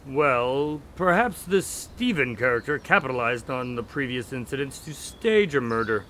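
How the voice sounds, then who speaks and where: Actor as Doctor Watson, bright and very animated. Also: male voice, medium pitch, moderate pace, a little hiss or hum. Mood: speculating. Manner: animated, explanatory. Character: eager, talkative male doctor, detective's sidekick. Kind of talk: audio drama dialogue.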